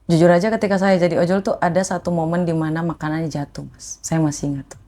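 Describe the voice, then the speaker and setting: A woman's voice: on the low side, fast talker. A woman guest telling personal stories in casual talk, acting out the voices of people she quotes. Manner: animated, re-enacts quoted voices. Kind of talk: emotional personal storytelling.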